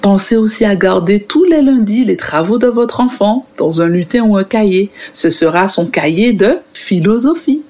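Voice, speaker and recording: A woman's voice: mid-range voice, lively intonation, moderate pace, few pauses, a little mellow. A woman presenting a children's radio show, addressing parents and children in a friendly way. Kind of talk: scripted sign-off for parents and children.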